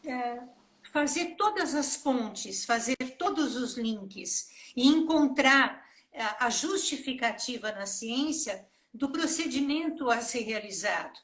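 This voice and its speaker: A woman's voice: high voice, animated, slow, fairly bright tone. A Brazilian woman hosting a live interview, affirming her guest and asking questions. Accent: Brazilian Portuguese.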